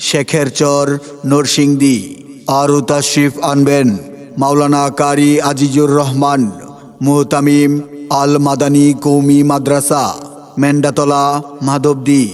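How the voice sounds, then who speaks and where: A man's voice: a little high, monotone, measured pace, a little mellow, clear, resonant tone. A Bangladeshi man reading a scripted promotional announcement in a formal, declamatory public-announcement manner. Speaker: event announcer. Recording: echoey hall reverb over music.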